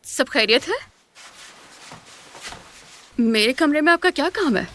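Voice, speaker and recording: A woman's voice: sits high, animated, a bit bright, a little hiss or hum. A woman dubbing a cool, puzzled middle-aged mother. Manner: cool, measured, questioning. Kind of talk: dubbed TV drama. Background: faint music.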